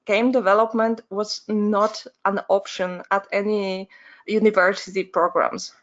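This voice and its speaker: Woman presenting an art webinar. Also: medium pitch. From Poland. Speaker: concept artist giving a webinar. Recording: lo-fi webinar audio.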